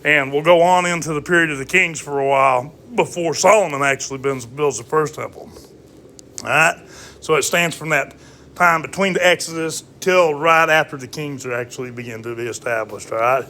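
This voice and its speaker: A man with a bright, fairly high voice teaches a casual Bible study. He reads verses slowly and deliberately, then explains them in a loose, conversational way, often asking "all right?" A faint hum of noise sits behind him.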